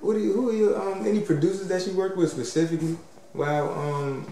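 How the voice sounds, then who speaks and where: A man asking halting, casual questions as an interviewer. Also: sits high, steady tone, warm tone. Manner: halting questions, repeated short agreements. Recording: echoey room, distant mic, faint noise.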